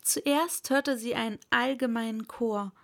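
A woman narrating a storybook in a measured way, sometimes softening to a whisper. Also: fairly high pitch. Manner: slow, measured, drops to a whisper at times. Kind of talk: storybook reading.

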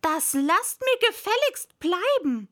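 A woman's voice: high-pitched, animated, a little slow. A woman voicing a curious, bold young girl in a storybook reading, earnestly talking to herself.

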